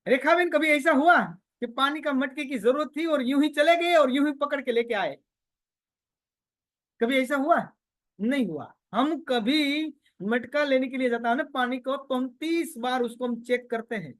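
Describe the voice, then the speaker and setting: Male motivational trainer with a high voice, recorded dry and close; keeps quizzing the room and swings between loud and quiet. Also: a little slow, no room sound. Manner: quizzes the audience with repeated questions. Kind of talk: motivational seminar talk.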